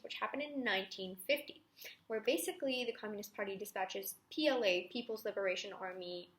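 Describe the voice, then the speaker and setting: A woman's voice: mid-range voice, a bit bright. A young woman talking through history revision notes in a casual, chatty way, with self-mocking asides and the odd whisper. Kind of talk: casual study-video explanation.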